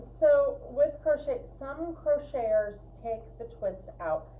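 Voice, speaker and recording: A woman with a high, mellow voice and lively intonation co-hosts a fiber arts livestream, talking slowly through a casual spinning tutorial. Her manner is chatty and emphatic. A little hiss or hum runs through the low-quality audio.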